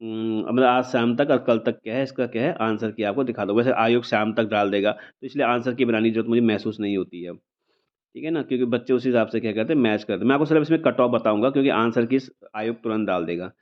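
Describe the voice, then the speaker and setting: A man's voice: mid-range voice, fast. A man giving an informal exam paper review as a coaching teacher, chatty and repeating a filler. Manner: conversational, repeats "ठीक है ना" as a filler. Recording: dull lo-fi recording.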